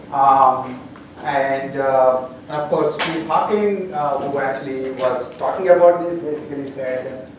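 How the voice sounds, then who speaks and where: A man's voice: medium pitch, noisy background. A man with an Indian accent, a university professor giving class announcements in a rambling way with many fillers and dry humor, heard from a distant camera in a lecture hall.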